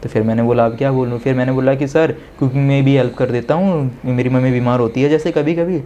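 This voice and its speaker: A man's voice: mid-range voice, fast, slight background noise. A young man in an interview, casually recounting his own experience and switching between Hindi and English while often calling the listener "sir". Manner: animated retelling that mixes Hindi with English phrases; keeps addressing the listener as "sir". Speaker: interviewee, successful defence exam candidate.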